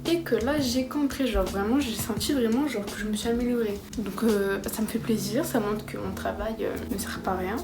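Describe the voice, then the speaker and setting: A young woman vlogger chatting casually to camera, self-mocking and excitable. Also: mid-range voice, a little fast, hardly any pauses. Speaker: vlogger tracking her language learning. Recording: roomy echo with background music.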